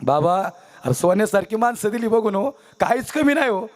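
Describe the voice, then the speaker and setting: A man's voice: high-pitched, very animated, a little fast. A man voicing a newly married young village daughter who is tearful and missing her father, told in a tender, pleading storyteller's voice.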